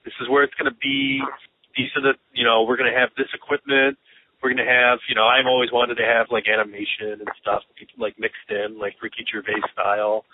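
This American man hosts a podcast and here rambles with a friend by phone, sardonic and ranting, a little congested and winded. He speaks fairly quickly at a medium pitch in a level tone, and the muffled lo-fi call audio carries a faint hiss or hum.

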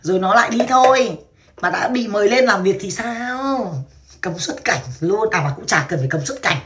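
A woman's voice: medium pitch, expressive, normal speed, a bit bright. A woman from Vietnam in her thirties, chatting brashly and crudely on a casual livestream and laughing often. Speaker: livestream seller.

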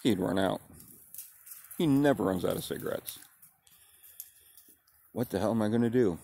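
Low-pitched man in his fifties, pipe clenched in his mouth, unhurried plain storyteller. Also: gravelly, dark tone, breathy edge. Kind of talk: casual personal storytelling.

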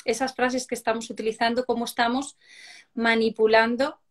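A woman's voice: on the high side, flat delivery, moderate pace. A woman hosting a parenting live stream, reflective and often ending with a questioning "no". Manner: reflective, hedges with "¿no?". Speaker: host, mother.

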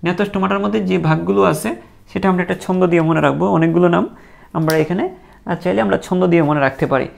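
A man teaching a biology class, patiently quizzing students and repeating terms slowly so they can echo them. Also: high-pitched, creaky. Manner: patient, encouraging. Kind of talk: classroom lecture.

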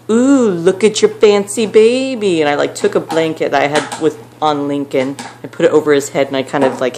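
Low-voiced woman rambling on camera. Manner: rambling, filler-heavy, animated retelling. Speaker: vlogger. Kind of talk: casual storytelling to camera. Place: at home, child nearby. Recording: noisy home recording with clicks.

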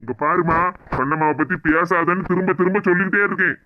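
A man's voice: high voice, fast, phone-quality sound, background noise, close to an everyday voice. A man voicing a young married husband in a cartoon who heatedly defends his wife, speaking with a Kanyakumari accent. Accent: Kanyakumari Tamil. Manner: heated, protective.

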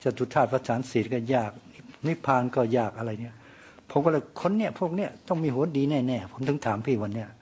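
A husky male monk putting eager questions to his teacher. His voice sits at a middle pitch. He talks in a conversational, questioning way. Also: expressive, a little fast, a little mellow. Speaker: ordained monk asking questions.

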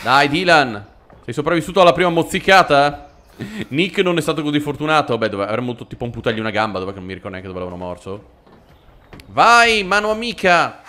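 A man giving excitable, joking commentary while playing a horror video game. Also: medium pitch, very fast. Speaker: gaming video host. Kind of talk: let's play commentary. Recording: voice over loud game music.

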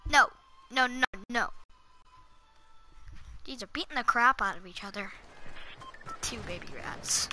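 A woman giving casual, excitable and silly commentary while playing a video game. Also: fairly high pitch, a little slow, long pauses. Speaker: gaming channel host. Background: game music.

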